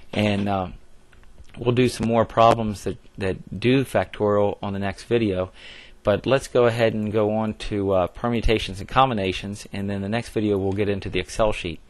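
A man teaching a recorded math lesson, explaining step by step in a plain way with frequent fillers and restarts. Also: on the low side. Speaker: math instructor.

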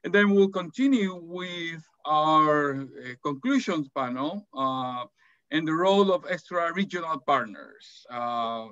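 A man's voice: fairly high pitch, takes it slowly, fairly bright tone, dry recording. A middle-aged man from El Salvador moderating and presenting in an academic webinar, speaking hesitantly with many fillers and restarts, from an office over a video call. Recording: dull, dry video call audio.

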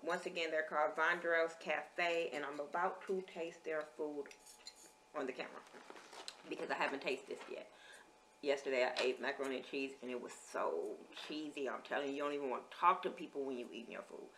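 A woman's voice: low voice, pushed and bright, a little hiss or hum. A woman vlogger, chatting casually as she lists menu items and reviews food. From American.

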